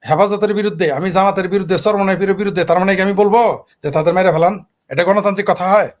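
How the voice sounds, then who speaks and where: A man from Bangladesh with a Bangladeshi Bengali accent, giving heated political commentary on a talk show and firing off rhetorical questions. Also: high-pitched. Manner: combative, fires rhetorical questions.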